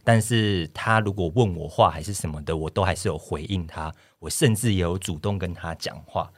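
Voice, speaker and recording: A man's voice: low-pitched, a little fast, dry recording, studio quality. A man, the partner of a podcast host, bluntly and defensively explaining his side of a quarrel. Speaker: guest, co-host's partner. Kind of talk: casual chat.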